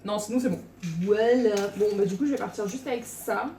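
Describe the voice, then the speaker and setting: Une vlogueuse qui parle de façon décontractée et hésitante, enregistrée chez elle dans un appartement avec une caméra posée à distance. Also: female voice, medium pitch, fairly quick, dark tone. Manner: rambling, many hesitations. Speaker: travel vlogger. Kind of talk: casual vlog monologue. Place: apartment indoors. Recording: echoey room, from far off, faint noise.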